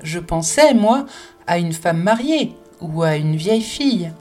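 A woman's voice: on the low side, lively intonation, a little slow, a little mellow, soft background music. A woman voicing a spirited, passionate French woman in an audiobook, talking emphatically and with many exclamations. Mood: emphatic. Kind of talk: audiobook character reading.

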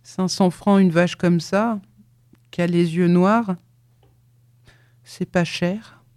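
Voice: mid-range voice, fairly even intonation, takes it slowly, darkish tone, clean tone, no room sound, clean studio sound, voice pushed up, natural voice. A reader voicing a shrewd, practical peasant wife who murmurs to herself.

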